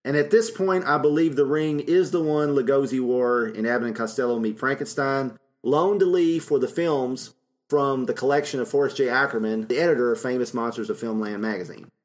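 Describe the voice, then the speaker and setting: A man's voice: medium pitch, fairly even intonation, brisk. A man co-hosts a casual film podcast. He recaps scenes in a loose, rambling way, full of fillers and small laughs. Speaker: podcast co-host.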